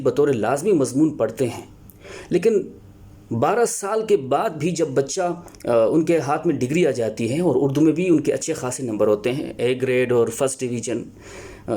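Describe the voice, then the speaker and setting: A man lecturing as a teacher, earnest and explanatory, pausing often to find his words. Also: mid-range voice, dark tone, breathy edge. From Pakistan. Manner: earnest, explanatory, with many filler pauses and restarts. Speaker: Urdu teacher. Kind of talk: spoken lecture on teaching Urdu.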